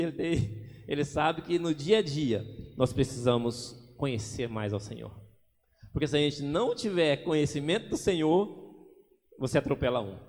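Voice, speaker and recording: Man, pastor, lively sermon, high voice, long reverb in a church hall. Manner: lively preaching, acting out little scenes.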